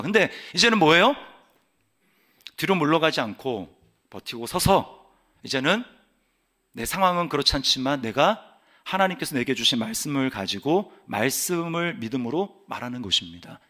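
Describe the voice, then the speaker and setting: A man's voice: a little high, pushed and bright. A man preaching a sermon as pastor, emphatic, with many rhetorical questions and declarations.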